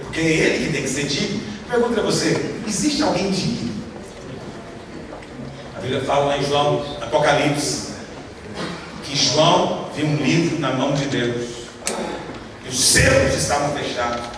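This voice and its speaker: A man's voice: fairly high pitch, normal speed, long pauses. A man with a Brazilian Portuguese accent preaching a sermon, emphatic and full of rhetorical questions for the congregation. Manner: emphatic, asks the audience many rhetorical questions. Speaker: pastor. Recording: echoey hall from far off with background noise.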